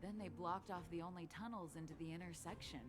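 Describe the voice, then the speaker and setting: A woman's voice: on the low side, fairly even intonation, quick pace, close to an everyday voice. A woman voicing an injured female miner in a video game, earnest and a little stammering. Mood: worried. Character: injured female miner, shaken but steady. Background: game music.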